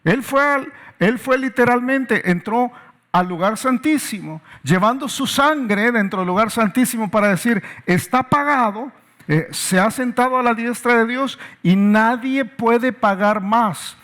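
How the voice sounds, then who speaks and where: A man's voice: extremely high pitch, measured pace, a bit bright. A male pastor preaching a sermon with emphatic repetitions and rhetorical questions.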